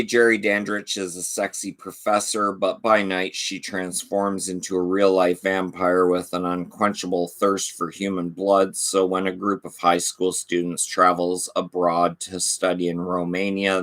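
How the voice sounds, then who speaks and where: A man hosting a relaxed channel goes through his DVD collection, reading the back covers aloud. He says his voice is giving out, and his understated asides carry a fairly bright tone.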